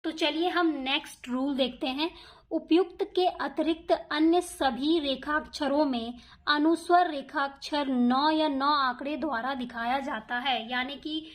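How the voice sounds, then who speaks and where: High-voiced woman teaching slowly. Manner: patient, repetitive explaining with examples. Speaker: shorthand teacher. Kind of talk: step-by-step lesson explanation.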